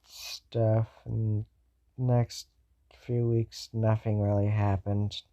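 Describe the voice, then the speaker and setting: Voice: mid-range voice, little pitch movement, extremely slow, dark tone. A fan storyteller improvising a what-if story, rambling with many fillers and self-corrections.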